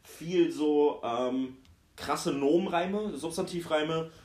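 A man's voice: fairly high pitch, a little mellow. Slangy young man with roomy echo. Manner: slangy, opinionated, quick to judge. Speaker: podcast co-host. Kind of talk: casual chat reviewing rap releases.

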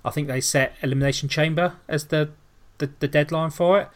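A man's voice: a little high, fairly even intonation, fairly quick. A man hosting a podcast, talking casually as he reviews and recaps. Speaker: podcast host.

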